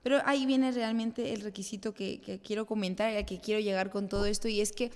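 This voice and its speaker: A children's pastor appears as a guest on a podcast, speaking in a conversational interview where she explains her points and acts out small bits of self-talk. Her medium-pitched voice has fairly even intonation and moves a little fast. The recording has an echoey, hall-like reverb.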